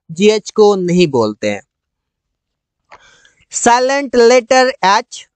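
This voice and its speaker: A teacher explaining English silent-letter rules in Hindi, slowly repeating each rule and example word. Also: mid-range voice, smooth, no echo.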